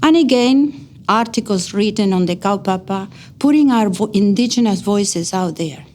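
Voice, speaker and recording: With an animated, mid-range voice that is a little mellow and a normal pace, a middle-aged Argentine woman recounts her own experience as an educator and researcher. A native Spanish speaker with a Spanish accent, she speaks earnestly and emphasizes key words, over a faint hiss or hum.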